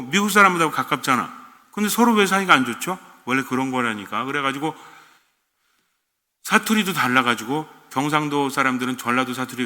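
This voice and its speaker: A male priest preaching a homily in a bright, forceful voice. He talks with his listeners more than at them, firing off questions and slipping into blunt everyday speech. The sound carries a long echo, as if in a large church. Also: a little high. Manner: conversational, asks the congregation questions; switches to blunt casual speech for emphasis.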